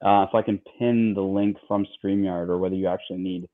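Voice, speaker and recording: A man co-hosting a casual livestream, talking in a relaxed, chatty way with many fillers and repeats. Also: deep voice, brisk. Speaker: livestream co-host. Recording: tinny phone-like line.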